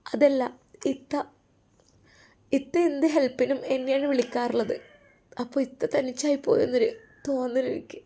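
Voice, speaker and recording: A woman's voice: sits high, flat delivery, normal speed, long pauses, mellow, pitched above the performer's own voice. A woman voicing a shy, tender-hearted young wife who speaks timidly. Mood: tearful.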